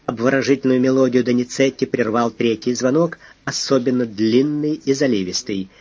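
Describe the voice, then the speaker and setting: A man narrating a detective novel, in measured, expressive literary reading. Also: mid-range voice, muffled recording. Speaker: audiobook narrator.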